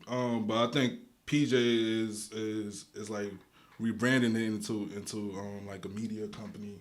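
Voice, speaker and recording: He's a young Guatemalan guest rapper with a lowish voice, talking at a moderate pace with a flat delivery. The interview is casual, and his laid-back slang keeps stalling into fillers and fresh starts.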